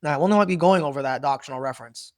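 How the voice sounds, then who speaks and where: A man's voice: fairly high pitch, very fast, no room sound, studio quality. A man giving unscripted Bible teaching, rambling and correcting himself, often checking in with "right?".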